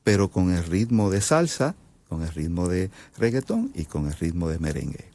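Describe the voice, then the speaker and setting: Deep-voiced Puerto Rican composer explaining. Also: male voice, wildly swooping pitch, normal speed, mellow. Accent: Puerto Rican Spanish. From Puerto Rico. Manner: thoughtful, many fillers and restarts. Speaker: composer guest. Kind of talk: radio interview, explaining.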